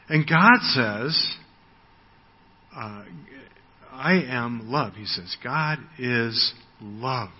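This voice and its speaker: A man's voice: on the high side, breathy edge. American man in his sixties preaching in a hall. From United States. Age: 60s. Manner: conversational, frequent "right?", repeats words when starting. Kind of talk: sermon. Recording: dull audio with long hall reverb.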